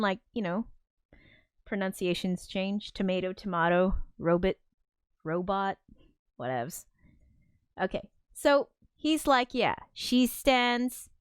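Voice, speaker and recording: Woman host, rambling and chatty, mid pitch, dead-dry close mic. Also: no echo. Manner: chatty, rambling, often laughing; reads out viewer chat comments. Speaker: livestream host. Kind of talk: casual livestream commentary.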